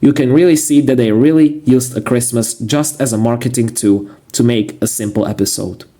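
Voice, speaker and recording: Mellow-voiced man reviewing in monotone. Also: mid-range voice, normal speed. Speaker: YouTube reviewer. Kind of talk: casual video review narration.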